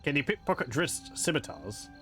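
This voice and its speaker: A man's voice: mid-range voice, very animated, normal speed, gravelly, a bit bright, soft background music. A man casually commenting on a game he is playing, offhand and musing. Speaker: let's-play commentator.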